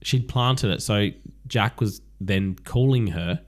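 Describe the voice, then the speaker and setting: A deep-voiced man co-hosting a podcast recaps a TV episode bluntly, swearing freely. He acts out the characters' lines as he goes. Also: takes it slowly. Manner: blunt, swearing, animated retelling with acted quotes. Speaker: podcast co-host. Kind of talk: casual chat recapping a TV show.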